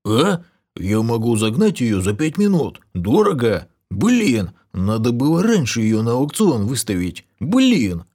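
A man voicing a greedy, loud male half-orc in an audiobook, bellowing. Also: medium pitch, big pitch swings, a little slow. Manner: bellowing, grabby.

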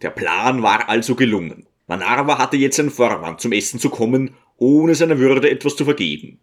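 An audiobook reader with a mid-range voice narrates a classic novel aloud from a script, keeping a measured, even storytelling manner.

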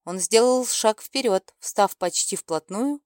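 A woman reading a fantasy novel aloud as audiobook narrator, with even storytelling delivery. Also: medium pitch, takes it slowly, no room sound, studio quality. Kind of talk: scripted narration.

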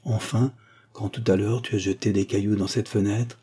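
A man's voice: fairly low pitch, fairly even intonation, moderate pace, mellow, breathy edge. A man reading the lines of a passionate young woman in love, in an ardent, pleading way. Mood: earnest.

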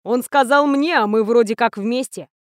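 A woman's voice: fairly high pitch, moderate pace, no echo, close to an everyday voice. A woman voicing a young male fey student who talks curtly and with dry sarcasm. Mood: dry, sardonic. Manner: curt, sarcastic.

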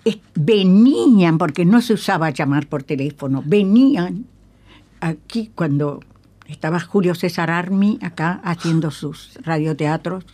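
An older woman with a Uruguayan Spanish accent, a veteran radio actress, reminisces as a guest in a radio studio interview. She tells stories emphatically yet haltingly, repeating phrases and using tag questions to check in, her voice fairly low and dark.

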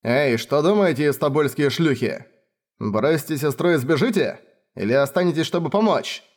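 A cruel knight-mage who sneers and taunts his victims in a mocking voice, as a man voices him in an audiobook. His speech swings up and down with lively, contemptuous inflection. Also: on the high side, normal speed. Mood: taunting.

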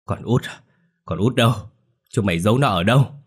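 A starving, possessed old grandmother, as a male narrator puts her on, spits out curses in a snarl and breaks into screams. The voice sits higher and louder than his own deep tone, and it is harsh and wild throughout. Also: lively intonation, normal speed. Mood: frantic screaming. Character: ravenous foul-mouthed old grandmother, possessed and ghoulish.

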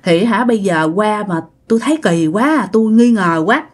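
A woman's voice: medium pitch, expressive, moderate pace, natural voice. A woman voicing a worried village father who hesitantly confides his suspicion to his wife. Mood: uneasy.

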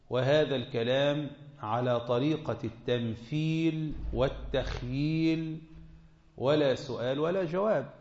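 A man's voice: medium pitch, creaky, darkish tone. A man with an Egyptian accent teaching a class on Quranic exegesis. He moves between formal recitation and casual colloquial asides and questions his students. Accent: Egyptian Arabic. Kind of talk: classroom lesson explaining a tafsir text. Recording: echoey hall, dull lo-fi sound.

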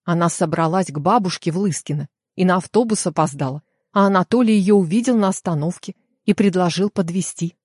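A woman's voice: lowish voice, a little fast, darkish tone, husky, no room sound, clean studio sound. A woman voicing an anxious middle-aged village mother in an audiobook, pleading and worried.

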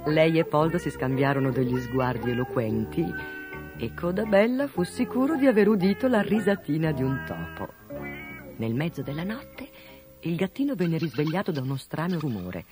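A storyteller reading a children's fable aloud in an expressive, animated way. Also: medium pitch, moderate pace, over music. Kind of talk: scripted storybook narration.

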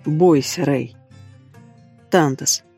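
A man's voice: a little high, drawn-out words, vocal fry, darkish tone, slightly rough, faint music behind. A man reading a first-person fantasy audiobook in a dry, sardonic tone on a close mic. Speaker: audiobook reader. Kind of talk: scripted first-person narration.

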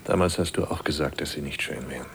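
An actor playing a devoted husband caring for his dying wife, speaking gently and often in a whisper, in a German radio play. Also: rumbling low, quick pace, gravelly, slight background noise, exaggerated voice. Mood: gentle.

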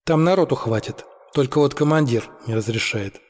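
A man voicing an excitable, boastful young man, in a husky voice. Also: medium pitch, moderate pace, long reverb tail, natural voice. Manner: eager, boastful.

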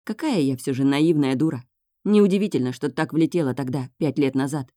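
A woman's voice: deep voice, brisk, mellow, no echo, studio quality. Woman reading a tense first-person novel. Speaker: audiobook narrator.

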